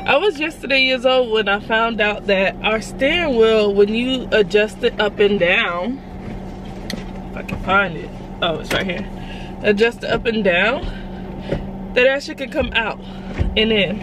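A woman's voice: fairly high pitch, unhurried, noisy background. A woman talking casually in a family vlog, chatty and rambling with slangy asides, filmed in and around her van on a tripod camera. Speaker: mom vlogger.

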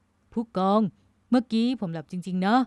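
A woman voicing a lovesick, teasing young navy man in an audiobook romance, loud and pleading in emotional moments. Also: on the low side, moderate pace, no echo, lightly acted.

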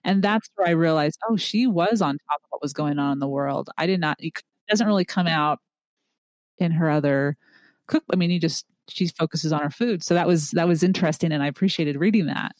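A woman's voice: sits low, a little fast, no echo, low-quality recording. Admiring woman hosting, dry close voice. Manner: eager, admiring, with many fillers. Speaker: podcast host. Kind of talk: interview.

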